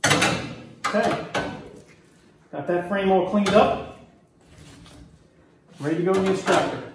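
A middle-aged beekeeper from Maryland talking through a hands-on demonstration while he works, relaxed and explanatory, recorded on a camera mic a few feet away in an indoor workroom. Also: high-pitched, slow, distant mic, noisy background. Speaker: beekeeper demonstrating honey harvest. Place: indoor workroom, hard surfaces. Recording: echoey room, voice off-mic.

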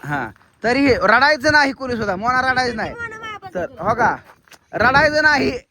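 A man's voice: extremely high pitch, big pitch swings, normal speed, sharp tone, slight background noise. A man, vlogging a children's contest and repeating instructions to them in a coaxing way. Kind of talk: casual outdoor vlog commentary.

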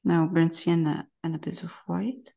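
A woman giving a casual painting demonstration, talking softly and haltingly as she works. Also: on the low side, fairly even intonation, creaky, muffled recording. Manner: soft-spoken, halting, talks to herself while painting. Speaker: painting instructor.

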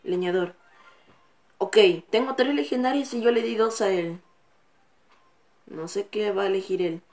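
A woman hosting a gaming channel, giving live gameplay commentary with excitable, frustrated outbursts and cursing at the game. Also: mid-range voice, unhurried.

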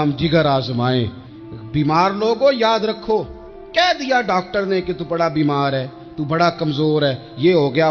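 A man preaches a fervent sermon in a fairly high voice, hammering points home with repetition and verse. The recording sounds dull and muffled, with faint music running underneath. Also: fairly bright tone. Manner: rhetorical, repeats phrases for emphasis, recites verse. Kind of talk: impassioned sermon.

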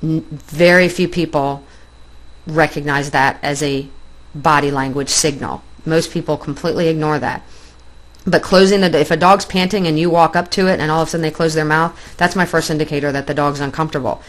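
A woman's voice: deep voice, fairly even intonation, fairly quick. A woman instructor explaining dog body language in a plainspoken online lecture, pointing out pictures on slides.

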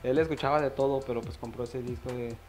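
A young man talks casually as a rapper guest, stretching his fillers and using plenty of slang. His delivery stays flat and low-key, with faint music in the background. He speaks into a handheld mic in a small studio. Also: fast talker. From Mexico. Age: 20s. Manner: laid-back slangy talk, drawled fillers. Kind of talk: casual interview.

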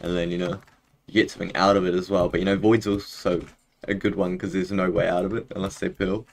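A man's voice: deep voice, level tone, fast talker, gravelly. A young man with a broad New Zealand accent, chatting casually and slangily in a laid-back way while streaming a game. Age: young adult. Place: small indoor room at home.

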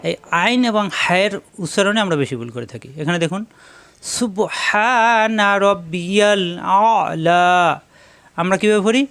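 A man teaching Quran pronunciation step by step, repeating syllables slowly to drill each sound. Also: high-pitched, big pitch swings, creaky, a bit bright.

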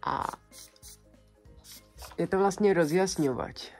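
This is a young adult woman with a notably low voice, vlogging from a small decorated bedroom. She chats in a relaxed, colloquial way and presents each new purchase to a camera set close on her desk. Faint music plays softly behind her. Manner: chatty, colloquial, shows items one by one. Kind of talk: casual haul video chat.

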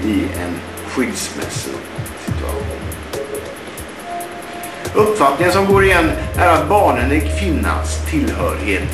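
A middle-aged man giving an earnest, deliberate and indignant opinion monologue into a webcam up close, in a small room. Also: medium pitch. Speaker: blogger. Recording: roomy echo with background music. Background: background music.

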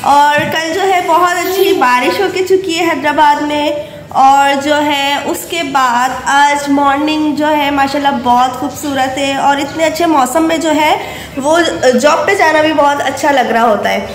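A woman vlogger in her thirties chats casually to her phone camera, held at arm's length, on her plant-filled home veranda, moving indoors and out. She is talkative, mixes in English phrases, and calls viewers guys. Her high voice is steady and a little slow, with faint music behind, an echoey room, and background noise.

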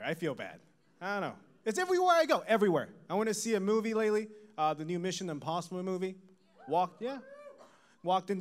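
A man from Taiwan doing a stand-up set, telling stories in a deadpan way with bursts of laughter. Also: high voice. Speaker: stand-up comedian.

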